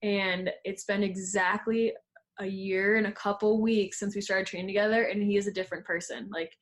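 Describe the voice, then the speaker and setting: A woman's voice: medium pitch, fairly even intonation, moderate pace. A young woman in her twenties, a fitness coach, chatting casually as a podcast guest with many "like" fillers. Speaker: guest, fitness coach and former pro skier. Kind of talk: casual interview chat.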